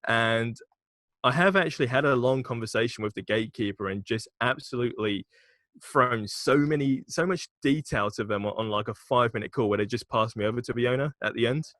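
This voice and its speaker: A man's voice: mid-range voice, fairly quick, fairly bright tone, dry recording. A man, a podcast guest talking frankly and casually about his marketing work, laughing and swearing now and then. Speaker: podcast guest, agency founder.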